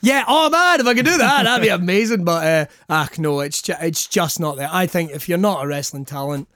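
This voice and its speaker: A man's voice: high voice, expressive, brisk, sharp tone, no room sound, clean studio sound. A Scottish man chatting casually, telling jokey, sweary anecdotes and acting out the lines he quotes. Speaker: wrestling commentator and guest.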